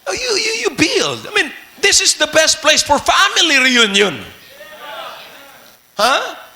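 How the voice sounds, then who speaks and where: A male pastor with a Filipino accent preaching an animated sermon, mixing Filipino and English and rising to shouts. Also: very high-pitched, slow.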